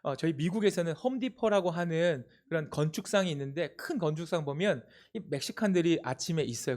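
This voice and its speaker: Animated high-voiced man preaching. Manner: animated storytelling, questions to the congregation. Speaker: pastor. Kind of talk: sermon.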